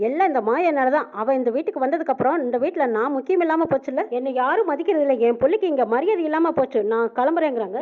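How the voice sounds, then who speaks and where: A woman retelling a TV serial episode quickly, narrating and voicing the characters' lines in an animated way. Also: high-pitched. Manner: rapid, animated storytelling that slips in and out of quoted dialogue. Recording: tinny phone-like audio.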